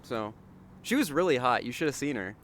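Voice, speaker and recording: A man's voice: medium pitch, lively intonation, brisk, a bit bright, a little hiss or hum. A young man co-hosting a podcast outdoors at a mall, chatting in a laid-back, slangy way. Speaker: podcast co-host. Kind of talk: casual chat. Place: outdoors at a mall parking lot.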